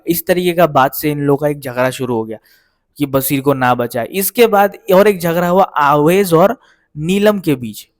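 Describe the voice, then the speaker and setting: Fairly high-voiced man recapping casually. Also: dry recording, clean studio sound. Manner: rambling retelling, keeps checking in with listeners. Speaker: reality show recap vlogger. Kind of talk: casual spoken episode recap.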